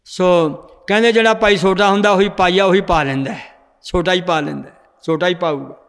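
A male religious teacher explains verses and tells stories to his class. His voice is high and smooth, with a resonant clarity. A long reverb rings through the hall around him. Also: steady tone, a little fast, fairly bright tone. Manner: explanatory, storytelling, corrects students' recitation. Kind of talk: scripture lesson with storytelling.

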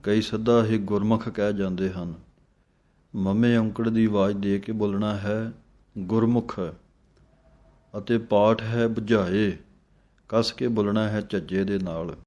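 A man teaching the correct pronunciation of scripture, slowly chanting each verse and then explaining it. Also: fairly low pitch, steady tone, a little mellow. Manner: slow chanting of verses between quick spoken explanations. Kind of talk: step-by-step pronunciation lesson.

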